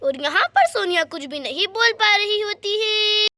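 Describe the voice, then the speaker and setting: A woman's voice: very high voice, animated, measured pace. A woman voicing a sneaky, gloating male thief in a doll story, with mocking laughs. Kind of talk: doll story role-play.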